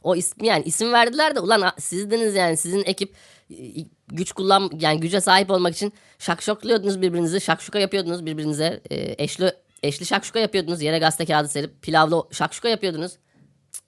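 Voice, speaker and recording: A man rattles through the news at a brisk clip as a podcast host. His commentary is satirical and sarcastic, and he rants while circling back to the same phrases for comic effect. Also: sits high, a bit bright.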